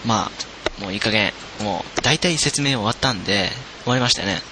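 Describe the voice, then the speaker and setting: A man's voice: fairly low pitch, expressive, brisk, background noise. A man hosting a casual group chat on a voice call, speaking into a headset. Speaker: host of a recorded chat. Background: music.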